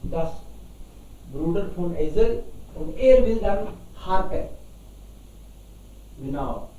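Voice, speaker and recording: Slow, patient woman teacher. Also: fairly low pitch, animated, mellow. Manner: patient, repeats and explains words. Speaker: language teacher. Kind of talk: storybook lesson with explanations. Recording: echoey room, far from mic.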